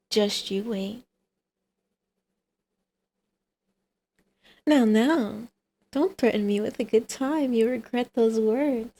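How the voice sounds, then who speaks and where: A woman performs a teasing, flirtatious villainess in an intimate ASMR roleplay, playful and mischievous in mood. Her fairly high, slightly mellow voice is creaky and often sinks into a breathy whisper.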